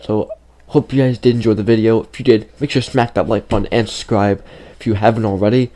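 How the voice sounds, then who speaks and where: Quick and flat, the mellow, lowish voice belongs to a teen gaming YouTuber, a boy of fifteen. He tells a rambling, filler-laden story over gameplay while his voice is going.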